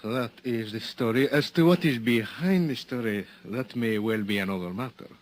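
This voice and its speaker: An actor playing a shrewd, polite Mexican police lieutenant, speaking in a formal, measured, quietly menacing way in a 1950s radio drama. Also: male voice, mid-range voice, natural voice. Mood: coolly suspicious.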